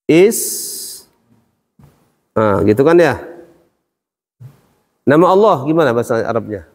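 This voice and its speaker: A man's voice: medium pitch, very animated, takes it slowly, darkish tone. Male teacher in an echoing hall. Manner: questioning, explains step by step. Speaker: Quran recitation teacher. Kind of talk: classroom lesson. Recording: long reverb hall.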